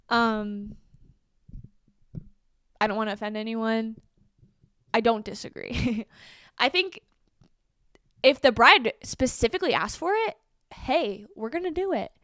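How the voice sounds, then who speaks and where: A woman's voice: a little high, dry recording, clean studio sound. A woman in her twenties hosting a solo podcast, talking casually with lots of fillers. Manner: casual, animated, many fillers like "like" and "um". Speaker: podcast host.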